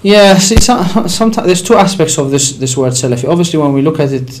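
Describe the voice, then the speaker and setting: A man's voice: a little high, animated, quick pace, a little hiss or hum. Man from Iraq, studio religious guest, emphatic explainer. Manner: explanatory, rising emphasis on key points. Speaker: sheikh answering questions. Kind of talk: religious call-in discussion.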